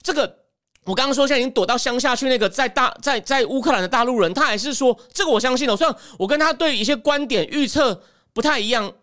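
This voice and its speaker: A woman giving emphatic, animated political commentary as a podcast host. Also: high-pitched, quick pace. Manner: animated, emphatic, acts out quotes.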